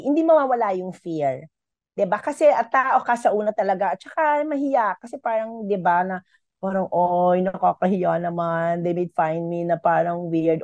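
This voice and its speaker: Animated woman telling a faith story. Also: lowish voice, dry recording, muffled recording. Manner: animated storytelling, Taglish code-switching. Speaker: radio guest.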